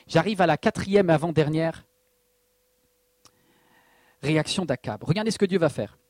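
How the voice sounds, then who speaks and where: A man's voice: a little high, normal speed, dry recording. A man preaching a sermon as pastor, mixing personal stories with rhetorical questions and sudden bursts of emphasis. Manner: animated preaching with personal anecdotes, rhetorical questions and acted quotes.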